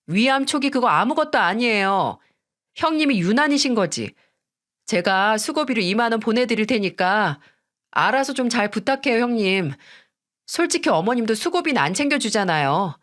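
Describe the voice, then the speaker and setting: A woman's voice: fairly high pitch, expressive, moderate pace, fairly bright tone, voice pushed up. Woman putting on a snippy, dismissive young sister-in-law. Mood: mocking. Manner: dismissive, whiny.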